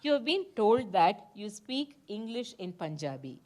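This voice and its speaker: A woman's voice: medium pitch, big pitch swings, measured pace, warm tone. A woman moderating a live panel informally, chatty and playful with frequent asides. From Mysore, India.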